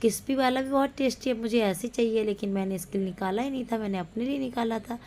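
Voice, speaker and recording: A woman's voice: a little high, fast, dark tone, slight background noise. A woman, a mother of young children, chatting homely and playfully as she cooks in her home kitchen for her cooking channel. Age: adult, a mother of young children. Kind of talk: casual cooking vlog narration.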